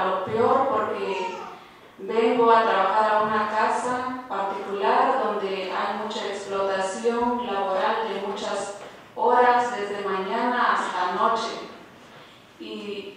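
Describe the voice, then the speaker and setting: Woman in her 30s, slow halting testimony, far off mic in a big echoey hall. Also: mid-range voice, a bit bright, slight background noise. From Guatemala. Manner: hesitant, many pauses and fillers. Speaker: witness giving testimony. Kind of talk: public testimony. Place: large cultural center hall.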